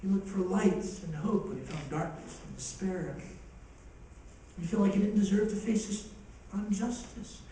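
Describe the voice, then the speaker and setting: Pastor, man, high mellow voice, impassioned sermon, distant mic in a boomy church hall. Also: normal speed, slight background noise. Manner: impassioned preaching with rising and falling intensity. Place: church sanctuary.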